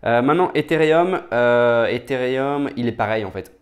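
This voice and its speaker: A man's voice: medium pitch, animated, moderate pace. A man, casually talking through price charts as a market analyst, with frequent fillers, restarts and check-in questions. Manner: many fillers and restarts, asks "d'accord?" often.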